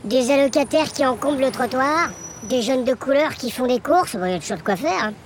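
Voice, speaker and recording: A man playing a bossy young municipal cop whose voice is digitally pitched up by a voice changer, barking orders at people on the sidewalk. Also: animated, fairly quick, over music. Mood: officious. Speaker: municipal police officer. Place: city sidewalk outdoors. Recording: street noise and traffic outdoors.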